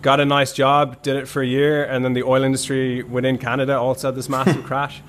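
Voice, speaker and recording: A man's voice: mid-range voice, fairly quick. A man, in his thirties, chats at an easy pace as a podcast guest. His talk rambles loosely and is full of "like" and small restarts. A faint hiss of noise sits under his voice. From Ireland. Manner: relaxed, rambling, many "like" fillers. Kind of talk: casual conversational storytelling.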